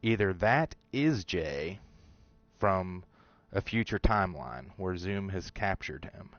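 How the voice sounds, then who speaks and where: A man's voice: low voice, expressive, slow, a bit bright, muffled recording. A man hosting a show, casually talking through his theories about a TV episode, rambling with fillers and restarts. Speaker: show host.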